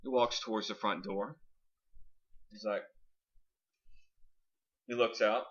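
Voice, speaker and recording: A man game master narrating a tabletop game in a halting, improvised way, on a dull lo-fi recording. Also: on the low side, steady tone, a bit bright.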